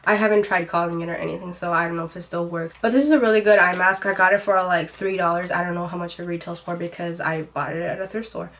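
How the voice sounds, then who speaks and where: A woman's voice: lowish voice, steady tone, quick pace, few pauses, a bit bright. Young woman, stuffy nasal cold voice, chatty rambly vlog talk, says like a lot. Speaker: beauty vlogger. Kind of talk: casual favorites vlog.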